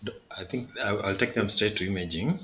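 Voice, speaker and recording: A young radiology trainee asks questions in class, thinking aloud hesitantly and repeating words. His voice sits on the low side, fairly quick, with a bright, forceful tone, and faint background noise is audible.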